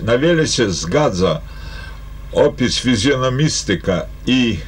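An older man, a former fishing-school teacher, recalling his methods deliberately with hesitations. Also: mid-range voice, slightly rough.

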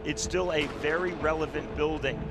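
A man giving live play-by-play fight commentary in crisp, clipped phrases. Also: a little high, steady tone, normal speed, very noisy.

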